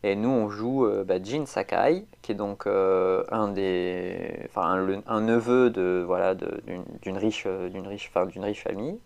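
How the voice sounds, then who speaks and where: A man's voice: low voice, fairly even intonation, a little slow, creaky, hardly any pauses, a little mellow. A man, chatting casually as a podcast co-host, rambling with lots of fillers and restarts. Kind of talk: casual chat.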